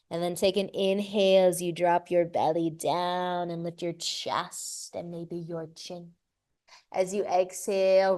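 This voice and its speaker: A woman teaching a live yoga class, giving slow, soothing cues and drawn-out breath prompts. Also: fairly low pitch, a little mellow. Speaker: yoga instructor. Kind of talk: guided yoga class instruction.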